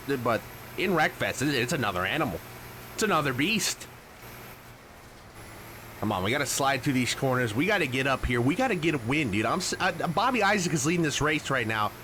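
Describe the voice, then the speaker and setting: A man calls a racing game live, sarcastic and excitable, trading mock outrage for deadpan asides. His voice is bright and forceful. Faint engine noise sits behind him. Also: mid-range voice. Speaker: gaming channel host.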